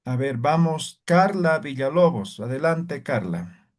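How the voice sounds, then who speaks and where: A man's voice: a little high, expressive, slow pace. A man teaching a language class, patiently calling on students and checking in with short tag questions. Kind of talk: online class instruction.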